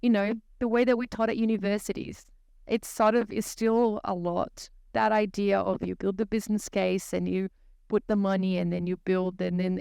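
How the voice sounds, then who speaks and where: A woman with a Brazilian accent, explaining her ideas in a thoughtful, measured way as a podcast guest. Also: medium pitch, creaky, mellow, smooth, no echo, studio quality. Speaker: guest consultant. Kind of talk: podcast interview.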